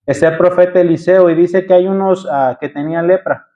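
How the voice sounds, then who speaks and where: A man's voice: high-pitched, steady tone, a little fast, warm tone, muffled recording. A man with a Mexican accent preaching a sermon as pastor, firing rhetorical questions and addressing his congregation as brothers. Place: church.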